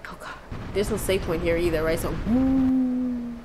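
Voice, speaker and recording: A woman giving casual, jokey gameplay commentary, easily spooked and excitable. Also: medium pitch, a little slow, background noise. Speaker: gaming video host. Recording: game music underneath.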